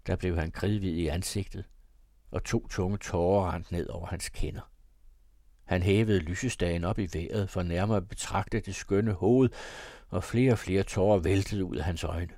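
A man reading a classic novel aloud as audiobook narrator, in a measured, even storytelling manner. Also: low voice, no echo, clean studio sound.

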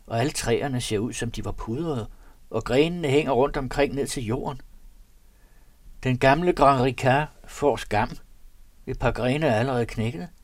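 A man narrates entries from an old diary in a measured, earnest reading voice. His pitch sits in an ordinary middle range. The sound is dry and close. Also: no echo. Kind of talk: reading a period diary aloud.

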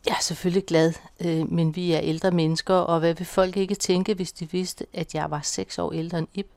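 A woman voicing a worried, devoted elderly wife who pleads softly. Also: fairly low pitch, little pitch movement, vocal fry, no room sound.

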